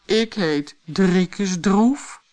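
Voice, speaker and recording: A woman's voice: medium pitch, drawn-out words, a little mellow, voice pushed up. A woman voicing a sad little man in a storybook, plaintive and sniffling. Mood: mournful. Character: sad little man, always gloomy and weepy. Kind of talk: audiobook character voice.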